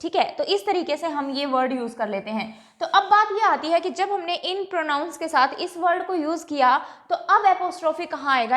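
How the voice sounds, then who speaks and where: A woman teaching English grammar in a classroom lecture, writing on a board, repeating each point, slowly drawing out example words and checking whether the students have understood. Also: high voice, a bit bright.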